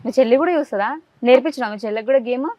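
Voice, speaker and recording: A woman runs a casual interview, coaxing a child with a stream of rapid questions. Her voice sits a little high and she talks briskly. The recording is dry and slightly dull, with a lo-fi edge. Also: dark tone, no room sound.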